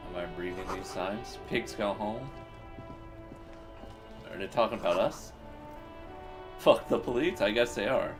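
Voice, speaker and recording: A man's voice: on the low side, normal speed, pauses often, over music. A man in casual let's-play commentary, laid-back, joking and swearing as he plays. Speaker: gamer playing a video game.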